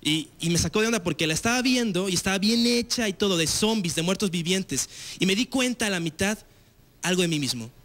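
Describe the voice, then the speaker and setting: A man's voice: sits high, expressive, fairly quick, fairly bright tone. A young Mexican man with a Mexican accent doing a slangy, casual stand-up comedy set on a TV stage. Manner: loose, slangy, frequent filler tags. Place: TV studio stage with live audience.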